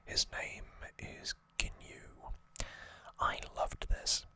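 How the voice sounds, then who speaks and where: Whispering softly from beginning to end, the ASMR host offers a leisurely, conversational recap that explains as it goes. The voice stays an unvoiced, gentle whisper.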